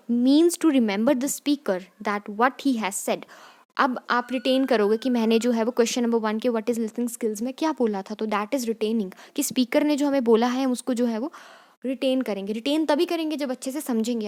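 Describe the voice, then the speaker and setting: A woman's voice: a little high, darkish tone. A young woman from Himachal Pradesh giving an exam-prep lecture, explaining step by step and often checking in with "theek hai". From Kangra district, Himachal Pradesh, India. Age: young adult. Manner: explanatory, repeats "theek hai" often, mixes Hindi and English. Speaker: teacher.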